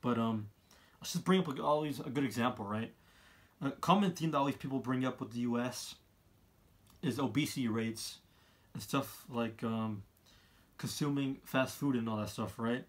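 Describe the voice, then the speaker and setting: A man, giving his opinions in a casual monologue, halting and often repeating himself as he rambles. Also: mid-range voice. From Canada. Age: 20s. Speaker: vlogger, college student. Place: small room indoors, seated by a wall.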